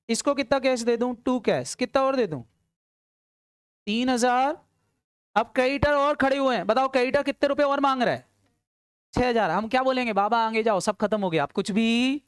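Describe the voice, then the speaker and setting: Brisk woman teacher quizzing her class. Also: fairly high pitch, smooth, no room sound, clean studio sound. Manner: quizzing students, answering her own questions; urging quick answers. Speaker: accounts teacher. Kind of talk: classroom lecture.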